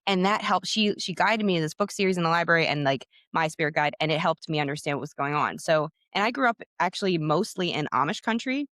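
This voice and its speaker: Deep-voiced and animated, a woman in her thirties from Pennsylvania, United States, talks fast with few pauses in a Pennsylvania American accent. She's a guest author and podcaster in a casual interview chat, chatty and talkative with lots of "like" and "you know," recorded in studio quality with a slightly bright tone and no room sound.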